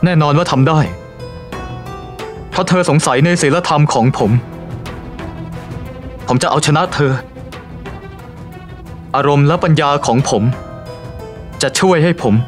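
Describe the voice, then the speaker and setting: A bold con man faking being a prince, slightly high voice, pushy, faint music behind. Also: slow, pauses often. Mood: defiant. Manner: persistent, challenging, pleading. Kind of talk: dubbed TV drama acting.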